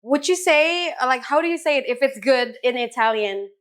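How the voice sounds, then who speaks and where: Playful higher-voiced woman host. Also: expressive, moderate pace. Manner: playful, giggly, curious questions. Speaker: vlog host. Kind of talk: casual chat. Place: restaurant kitchen.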